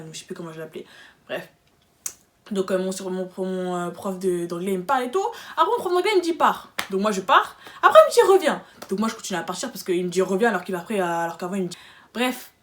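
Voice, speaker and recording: A young woman telling a storytime vlog in an animated, slangy, quick way. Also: mid-range voice. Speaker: vlogger.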